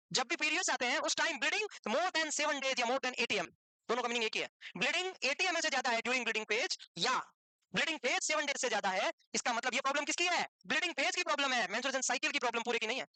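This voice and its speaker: A woman's voice: sits high, lively intonation, fast, bright, forceful tone, dry recording. A woman teaching a medical class, firing questions at her students over and over and mixing in English medical terms. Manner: quizzes the class with repeated questions; switches between Hindi and English medical terms. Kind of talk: classroom lecture.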